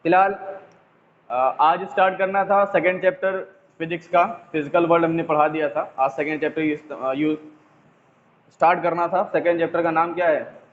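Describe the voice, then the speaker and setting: A man's voice: fairly high pitch, little pitch movement, normal speed. A male physics teacher running an online class from his phone, chatting and jokingly scolding students. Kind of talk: online class, casual teasing. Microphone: mobile phone. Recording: echoey, tinny phone line, faint noise.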